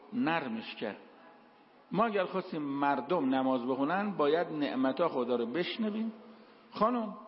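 A man preaching a sermon, telling stories and quoting verses. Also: on the high side. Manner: storytelling, quotes Quranic verses. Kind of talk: sermon with told anecdotes. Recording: echoey hall, dull lo-fi sound.

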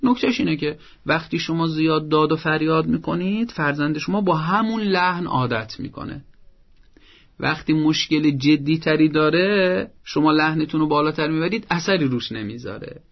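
A parenting advisor on a broadcast program explains things step by step in a firm, didactic way. His voice is on the high side, and the recording's highs are cut off.

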